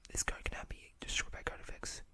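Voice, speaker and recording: In an ASMR session, a host reads out card game text in a gentle close-mic whisper with small asides, unhurried in manner though the pace runs fast.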